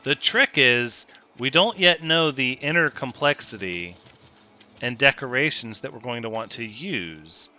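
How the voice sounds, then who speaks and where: Bright-voiced man musing over a building game. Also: mid-range voice, animated, measured pace. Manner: thinks aloud, counts, jokes with himself. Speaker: gameplay commentator. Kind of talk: casual gameplay commentary.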